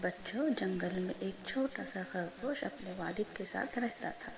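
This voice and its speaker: A woman narrating a children's story slowly and gently, speaking to the children. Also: mid-range voice, gravelly, crowd noise. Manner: slow, gentle, addressing children.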